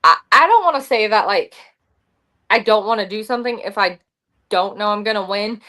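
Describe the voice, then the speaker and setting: A young adult woman telling stories casually, lively and saying "like" often. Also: medium pitch, normal speed. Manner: animated, says "like" often, acts out quotes. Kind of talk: casual storytelling.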